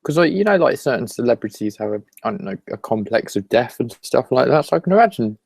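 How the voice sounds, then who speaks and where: A man's voice: medium pitch, sing-song, fast talker, gravelly, a little mellow, slightly rough, dry recording. A man co-hosting a casual podcast chat, joking and laughing often as he rambles through his points. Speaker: podcast co-host. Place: at home while eating.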